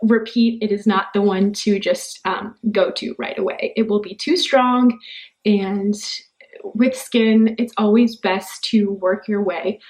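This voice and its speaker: A woman's voice: medium pitch, fairly even intonation, slow, a little mellow. A young adult woman esthetician, talking through her skincare routine in a chatty, talkative way. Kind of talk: casual skincare tutorial.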